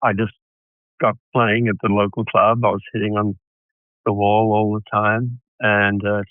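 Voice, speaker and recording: On a tinny phone-like line, dry and plain, a South African man who coaches tennis answers podcast questions in casual style. He's a rambling storyteller who keeps restarting and drifting into asides about how he began in the sport. His voice is on the low side and level, moving a little slowly.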